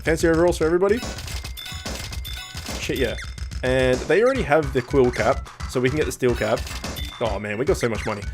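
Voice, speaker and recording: A man doing casual, joking, sweary commentary as he plays a video game. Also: mid-range voice. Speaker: let's play host. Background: video game music.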